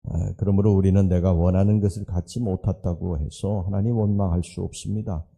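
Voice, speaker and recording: Male pastor, dawn sermon, low and very dark husky voice, preaches through rhetorical questions. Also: steady tone, a little fast. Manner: rhetorical questions, earnest exhortation.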